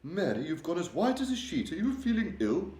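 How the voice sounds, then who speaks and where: A man's voice: high-pitched, sing-song, brisk, warm tone, voice pushed up. A man voicing an elderly, regal queen with a refined, upper-class manner, given to alarmed exclamations. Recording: roomy echo.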